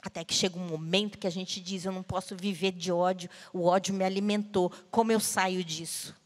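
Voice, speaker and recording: A woman, a guest speaker, telling a personal story to an audience, swinging between loud outbursts and hushed low tones. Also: fairly even intonation, brisk. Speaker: guest speaker at a panel talk. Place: large hall at a cultural center. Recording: long hall reverb.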